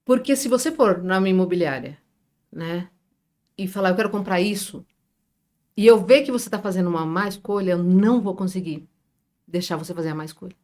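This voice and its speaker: A woman's voice: lowish voice, brisk. A middle-aged woman with a São Paulo Brazilian accent, a business owner who is a guest on a podcast, telling emotional stories, joking and acting out quoted dialogue. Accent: Brazilian Portuguese, São Paulo area. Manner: animated, jokes and acts out quoted dialogue. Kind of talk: emotional storytelling in a podcast interview.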